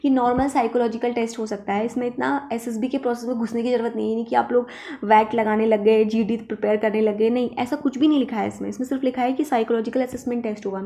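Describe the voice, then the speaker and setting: A woman's voice: on the high side, warm tone. A woman teaching an online exam-prep lesson, emphatic and reassuring, checking in with her students often. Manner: repeats "ठीक है" and "देखो" to check in with students.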